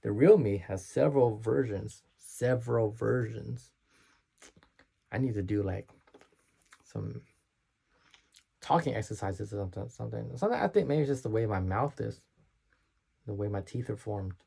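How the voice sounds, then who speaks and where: A man's voice: lowish voice, animated, moderate pace, gravelly, long pauses, dark tone, slightly rough. A man talking unscripted to camera as a vlogger, hesitant and self-conscious, with many restarts and slurred words. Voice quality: slurs his words.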